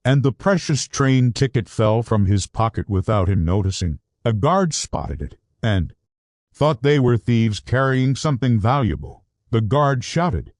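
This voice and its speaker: A man narrating a scripted children's adventure story in an animated storybook manner. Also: mid-range voice, unhurried, dry recording, clean studio sound.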